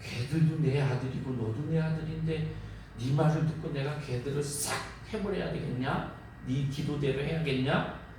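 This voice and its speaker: A man voicing God as a stern, patient heavenly father who speaks plainly and fatherly in a lowered voice. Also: moderate pace, a little mellow, lightly acted. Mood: reproachful. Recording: echoey hall, distant mic, faint room noise.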